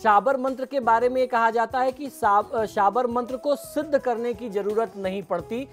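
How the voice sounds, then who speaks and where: A middle-aged man, an astrologer guest on a TV program, explaining devotional mantras in a measured way and chanting them slowly. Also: extremely high pitch, faint music behind.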